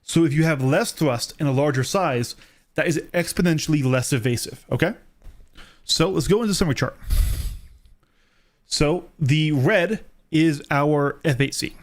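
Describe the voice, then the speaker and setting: A man's voice: fairly high pitch, moderate pace, pauses often. A man with a slightly raised voice talks through a live game stream. He explains at an easy, casual pace and keeps checking that his listeners follow along. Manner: explains step by step, adds tag questions like "right?" and "okay?".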